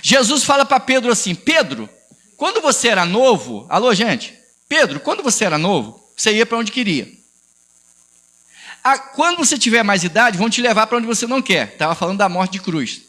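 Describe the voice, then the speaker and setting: Pastor guy on a live, high lively voice, bright, sarcastic and pushy. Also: fairly quick. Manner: combative, ironic, calls listener "filho" and "amigo". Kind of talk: live-stream preaching and debate.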